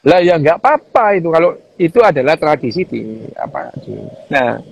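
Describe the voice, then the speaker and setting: Animated man, lively pitch. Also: moderate pace, vocal fry, no room sound, muffled recording. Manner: animated, mixing Javanese phrases, repeats "gitu". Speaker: neuroscientist guest on a live chat. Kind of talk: casual livestream chat.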